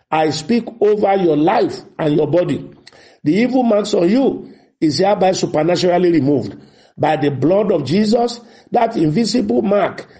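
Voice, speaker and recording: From a radio studio, a male pastor with a high, warm voice declares prophetic prayers in short, commanding phrases. He also reads listener letters aloud and counsels them with answers.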